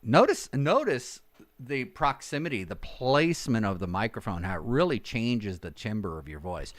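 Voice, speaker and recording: A man's voice: sing-song, normal speed, no room sound. A man, a voiceover artist, casually explaining microphone technique from his home studio on a large condenser mic. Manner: chatty, demonstrative, shifts between plain talk and deep announcer voice. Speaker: voiceover artist and video producer. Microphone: large broadcast condenser mic, moved closer and farther.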